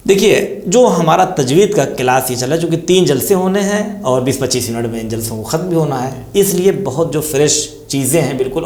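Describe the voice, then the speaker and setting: A man's voice: a little high, darkish tone. Man teaching tajweed in an echoey room. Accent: Indian Urdu. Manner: patient, repeats key terms, asks and answers own questions. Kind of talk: religious lesson explanation.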